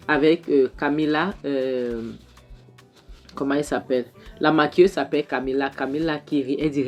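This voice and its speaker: A woman's voice: very deep voice, a little mellow. A woman retelling a film's scenes in a casual recap, quoting the characters' lines with many restarts and repeated words. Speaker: film recap narrator. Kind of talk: casual movie recap storytelling. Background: faint background music.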